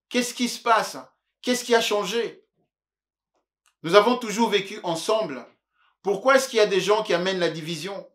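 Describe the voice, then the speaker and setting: A middle-aged man from Congo speaks, his voice sitting noticeably high for a man. He delivers an earnest monologue to camera as a leadership coach. His phrasing builds in a measured, preacher-like rhythm. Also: fairly bright tone. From Democratic Republic of the Congo. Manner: measured, preacher-like rhetorical cadence. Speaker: leadership coach and show host.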